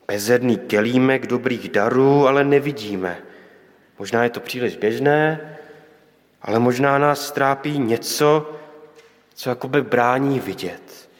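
A man preaching a sermon, reflective, with pointed rhetorical questions and quoted voices. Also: medium pitch. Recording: long hall reverb.

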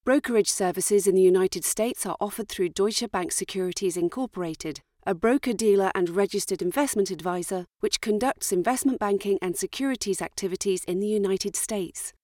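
A woman delivers a scripted legal disclaimer. Her reading is formal and steady, at a medium pitch. The sound is dry, with little room in it. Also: brisk, hardly any pauses, no echo. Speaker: disclaimer reader.

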